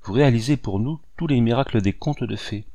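A man's voice: mid-range voice, a little fast, mellow, lightly acted. A man reading a sweet coaxing young woman. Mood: affectionate. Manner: coaxing, fond.

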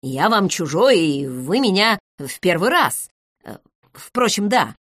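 A woman's voice: lowish voice, big pitch swings, takes it slowly, fairly bright tone, breathy edge, dry recording, studio quality, heavily acted. A woman reading the part of an apologetic, hesitant 60-year-old retired male accountant.

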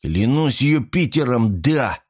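A man's voice: mid-range voice, lively intonation, takes it slowly, darkish tone, breathy edge, voice pushed up. A man voicing an indignant young lord who exclaims and threatens a cheat.

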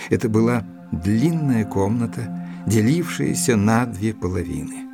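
A man with a lowish, somewhat dark voice narrates an audio drama in the first person, reading scripted literary prose. Faint music plays in the background.

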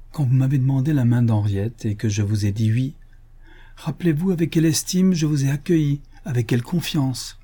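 A man reading the part of a gentle older mother, a countess, pleading affectionately with her future son-in-law. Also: medium pitch, husky, voice pushed up. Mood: insistent. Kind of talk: audiobook character reading.

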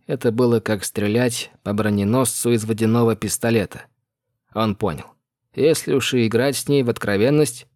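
A man reading an audiobook in a measured, even storytelling manner. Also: on the low side, no room sound, studio quality. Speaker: audiobook narrator. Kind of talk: scripted narration.

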